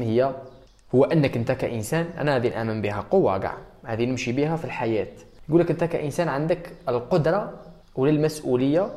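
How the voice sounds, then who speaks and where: A man with an Algerian accent, a host answering viewer questions in a rambling, animated casual monologue that slips in foreign phrases. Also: mid-range voice.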